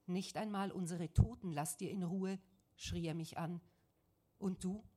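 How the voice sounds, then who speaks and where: A woman reading the lines of an angry, grieving man who accuses and defies, loud and bitter, in an audiobook. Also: lowish voice, moderate pace, lightly acted. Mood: angry, accusing.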